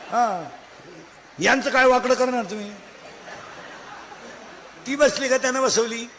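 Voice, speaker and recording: Male kirtan preacher with a Marathi accent, high bright voice, sudden shouts and rhetorical jabs at the crowd, roomy echo and faint crowd ambience. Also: a little hiss or hum. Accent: Maharashtrian Marathi. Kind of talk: comic Marathi kirtan sermon.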